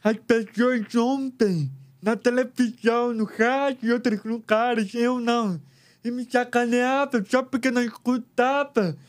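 In conversation as an interview guest, a Brazilian man shares a personal story, his very high voice clear and his intonation fairly even. His Brazilian Portuguese-accented speech is slow and deliberately articulated.

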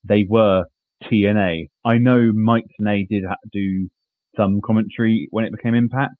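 A man's voice: fairly low pitch, steady tone, normal speed, dry recording. Man on a tinny phone-like line. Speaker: podcast co-host. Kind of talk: casual discussion.

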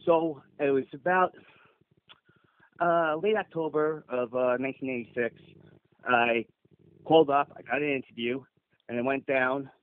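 A man's voice: medium pitch, steady tone, measured pace, long pauses. A man in his fifties, an HVAC technician, chatting easily as a podcast guest and telling stories. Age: 50s. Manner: easygoing, rambling storyteller. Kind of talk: casual podcast chat. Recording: tinny phone-like line.

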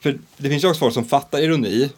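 A man's voice: medium pitch, husky. Playful rambling man. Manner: rambling, playful, explains his theory with mock seriousness. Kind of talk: casual chat.

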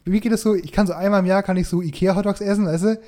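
A young man in casual podcast chat, animated and slangy, sometimes turning to speak to the listeners. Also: high-pitched, racing. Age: young adult.

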